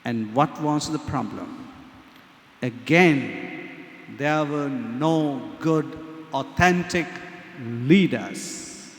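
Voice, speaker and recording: Slow Sri Lankan priest in echoing church. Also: male voice, mid-range voice. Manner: measured, solemn, with deliberate pauses between short phrases. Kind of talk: Gospel reading and homily at Mass. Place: large reverberant church. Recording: echoey church with long cathedral-like reverb.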